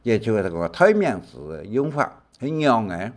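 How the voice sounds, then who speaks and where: An older man giving a slow language lesson, drawing out his explanations with many fillers. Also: fairly low pitch, very animated. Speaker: teacher.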